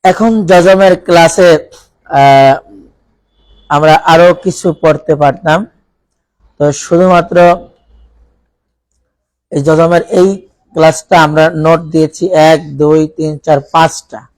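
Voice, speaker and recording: A man teaching Quran recitation in a college classroom with a Bangladeshi accent, reciting Arabic examples slowly and quizzing his students. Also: on the high side, steady tone, darkish tone, no echo, rough recording. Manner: slow, drawn-out recitation of Arabic words as examples; asks the class questions and has them repeat.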